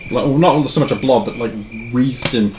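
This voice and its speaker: A man's voice: mid-range voice, normal speed. A man speaking casually as dungeon master, narrating and making rulings at a tabletop game. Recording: very noisy, echoey room tabletop recording.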